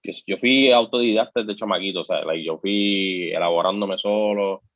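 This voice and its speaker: A man's voice: sits low, normal speed. A man with a Puerto Rican accent chats casually as an interview guest, mixing English words into Spanish. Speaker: interview guest, tattoo artist and painter. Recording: muffled phone-like line, roomy echo.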